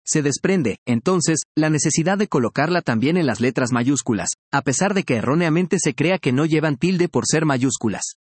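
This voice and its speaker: A man reading a scripted language lesson in a measured, explanatory way, each word clearly pronounced. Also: on the high side, animated, dry recording. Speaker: language teacher. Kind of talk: scripted educational narration.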